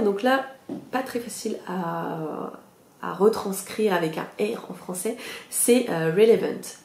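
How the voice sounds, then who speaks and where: A young woman talks her listeners through a goal-setting method like a friendly teacher. She speaks loosely, with lots of fillers and little self-mocking asides, and keeps checking in with her listeners. Her voice sits at an ordinary pitch and comes back off the walls of an echoey room. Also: a little mellow. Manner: chatty, many fillers, self-mocking laughs; addresses listeners directly, reassuring. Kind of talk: casual spoken lesson.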